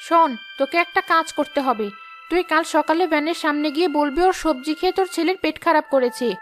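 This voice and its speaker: A woman's voice: sits high, fast, lightly acted. A woman voicing a jealous, scheming village woman who bullies others with sneering threats, over background music. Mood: spiteful scheming.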